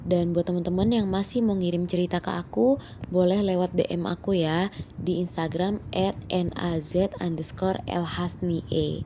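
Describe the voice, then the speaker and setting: A woman with a warm, steady voice on the lower side narrates horror stories at a normal speed, in a casual, scripted-feeling style. She's a chatty host who calls her audience "guys," mixes in English words, and pronounces her R's with a lisp-like sound because she can't roll them. Background music plays, along with slight noise.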